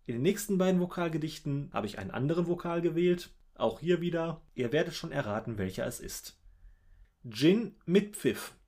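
Husky man reciting wry poems, lively pitch. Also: moderate pace. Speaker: podcast host. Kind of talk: podcast with recited vowel poems.

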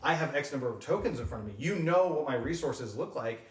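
A man co-hosting a podcast, thinking out loud in a rambling, casual way. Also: mid-range voice, lively intonation, fast, recorded from a distance. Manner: rambling, thinks aloud with fillers. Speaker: podcast co-host. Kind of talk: casual board game podcast chat. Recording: roomy sound, a bit off mic.

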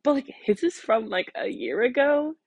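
A woman's voice: high voice, expressive, moderate pace, a little mellow, dry recording. A teenage American young woman with a slight lisp from wearing retainers, rambling casually and self-consciously on her podcast, giggly and peppering her talk with "like". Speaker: podcast host. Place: in bed at home.

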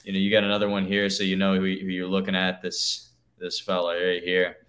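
A man's voice: deep voice, monotone, fairly quick, fairly bright tone. A man co-hosting a casual chat, talking in a loose, rambling way full of "you know". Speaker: podcast co-host. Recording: echoey room.

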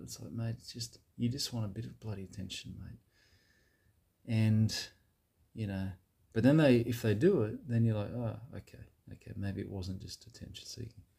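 A man playing a blokey Australian bro who gives dubious advice in a satirical monologue, with a husky, laddish way of talking. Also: fairly low pitch, a little mellow. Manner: laddish, drops "mate" and "bloody" constantly.

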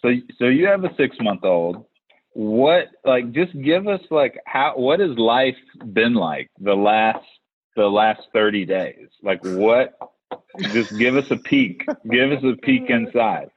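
Husky low-voiced man on tinny audio. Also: slow, no echo. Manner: animated storyteller, acts out quoted voices, many restarts. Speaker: podcast host. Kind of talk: casual chat, storytelling. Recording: tinny phone-like, dry sound.

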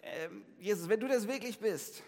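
A man's voice: on the high side, big pitch swings, fairly quick, creaky, a little mellow, heavily acted. An impulsive, frightened disciple, as a preacher reads him with urgency and pleading. Raised and pressing, he echoes in a long-reverb hall. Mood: urgent.

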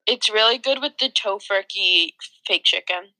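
A woman's voice: medium pitch, normal speed, bright, forceful tone, no room sound, poor audio. A young woman guest in a casual podcast chat, blunt in her verdicts.

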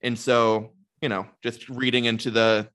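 Measured, analytical male co-host. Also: mid-range voice, little pitch movement, fairly bright tone. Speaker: podcast co-host. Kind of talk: casual chat.

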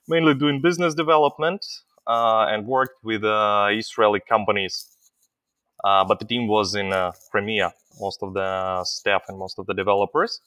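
A man's voice: medium pitch, fairly bright tone, no echo. A middle-aged man born in Ukraine, a company CEO telling his story as an interview guest, with many hesitant fillers.

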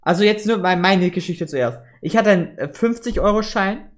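A man's voice: high voice, normal speed. A young man chatting candidly and casually with a friend. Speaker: co-host. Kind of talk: casual chat.

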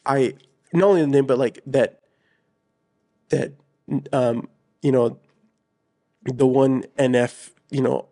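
A man's voice: medium pitch, steady tone, slow pace, pauses often, warm tone. A man co-hosting a casual movie podcast. He talks in an earnest, rambling way with plenty of "like" and "you know". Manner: earnest, rambling, lots of fillers. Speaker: podcast co-host. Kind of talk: casual chat.

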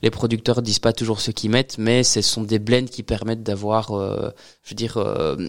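Low-voiced brewer explaining at length. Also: male voice, level tone, normal speed. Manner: explains at length with many fillers, ends phrases with "quoi". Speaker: brewer guest. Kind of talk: casual interview chat.

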